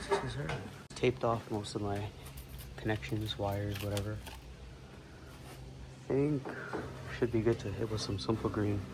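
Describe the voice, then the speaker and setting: Young dude in his garage talking through a car build, lowish voice, chill and sweary, bit of hiss behind. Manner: laid-back, swears casually, trailing asides. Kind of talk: casual garage vlog narration. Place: home garage and driveway.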